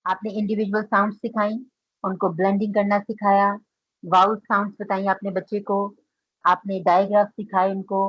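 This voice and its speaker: A woman leads an online teacher training session, explaining and praising participants in turn. Her voice is slightly husky and dry, heard over a dull, muffled video call line. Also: mid-range voice, level tone, normal speed, no echo. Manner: instructive, mixes Hindi and English, praises participants.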